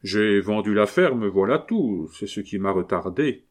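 A man reading aloud voices a kindly, gruff captain in his late fifties, an old hunter who talks to his son in an earnest, fatherly way. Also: on the low side, lively intonation, measured pace. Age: 50s.

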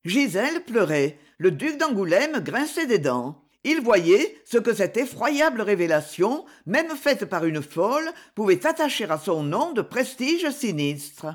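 Brief: female audiobook narrator, dramatic, animated pitch. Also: a little slow, hardly any pauses. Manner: dramatic and expressive. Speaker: audiobook reader. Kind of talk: scripted narration of a novel.

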